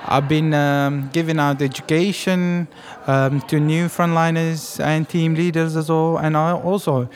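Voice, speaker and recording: A man from Afghanistan with an Afghan accent, speaking English in a casual interview about his fundraising award, pausing often with ums. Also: on the high side, flat delivery. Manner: hesitant, with frequent ums.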